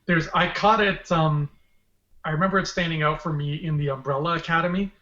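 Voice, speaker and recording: A man's voice: fairly high pitch, fairly even intonation, fairly quick, bright, forceful tone. A man co-hosting a casual livestream podcast, talking in a playful, joking way with rambling asides. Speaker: podcast co-host. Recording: dull, echoey room sound.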